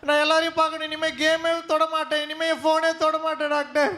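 A woman's voice: high-pitched, completely flat delivery, fast talker, sharp tone. A woman playing a frightened young boy who has lost his sight, pleading and whimpering for his mother in a church youth skit. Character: frightened young boy gone blind from phone games.

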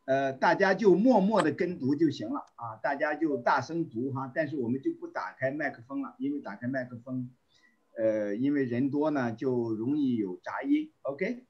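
Husky man teaching English online. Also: on the high side, a little mellow, highs cut off. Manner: patient, repeats phrases, many fillers and throat clearing. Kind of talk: online English class, reading and explaining.

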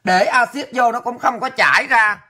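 A woman's voice: on the high side, normal speed, pushed and bright, husky. A woman delivering an angry, profane, taunting rant as a political vlogger. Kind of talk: ranting monologue.

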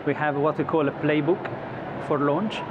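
A thirties-aged executive, interviewed as a guest on a broadcast studio set on a convention floor, speaks in a high-leaning male voice with fairly even intonation at a moderate pace. He talks thoughtfully, restarting often and leaning on fillers. The audio is slightly dull, with clearly audible background noise.

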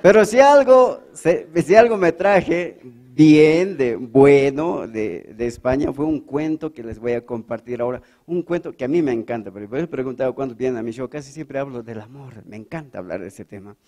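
A man with a Bolivian Spanish accent doing stand-up comedy in a lively way, jumping between voices. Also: medium pitch, moderate pace. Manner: animated, jumps between voices.

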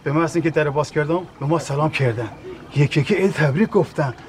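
A man's voice: fairly high pitch, close to an everyday voice. A man playing an aggrieved taxi office owner. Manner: aggrieved, complaining. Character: indignant taxi agency owner. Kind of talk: comedy series acting. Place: outdoors on a city street.

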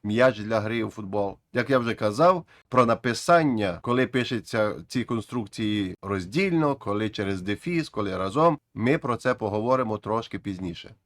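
A man's voice: fairly low pitch, expressive, normal speed, hardly any pauses, no room sound, studio quality. A man explaining an English grammar lesson patiently, with frequent restarts and repeated phrases. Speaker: English teacher.

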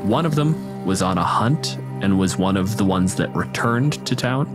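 A man with a low voice narrates as game master of a tabletop role-playing game, using descriptive, dramatic phrasing. He is expressive and speaks at a moderate pace. Background music plays beneath his voice.

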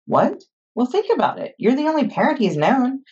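A woman's voice: high-pitched, very animated, fairly quick, a little mellow, slightly rough, pitched above the performer's own voice, exaggerated voice. Woman playing a chatty, reasoning young boy. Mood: explaining. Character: talkative young boy, friend who reasons things out. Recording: dull lo-fi recording.

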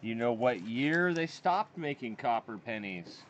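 Outdoors at a campsite table, a man who hosts a coin hobby channel runs a casual family coin hunt, keeping score and encouragingly explaining the finds. His medium-pitched voice is expressive, unhurried and fairly bright, and the lo-fi sound carries a little hiss or hum.

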